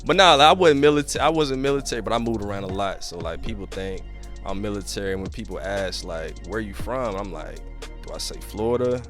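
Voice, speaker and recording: Easygoing low-voiced male podcast host. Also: fairly quick, a bit bright, soft background music. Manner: easygoing, affirming, says "man" a lot. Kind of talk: casual podcast interview.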